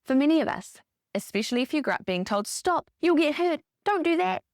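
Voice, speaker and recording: A woman in her thirties hosting a podcast, giving an upbeat scripted monologue that explains each point with lively emphasis. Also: medium pitch, no echo, studio quality. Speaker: podcast host.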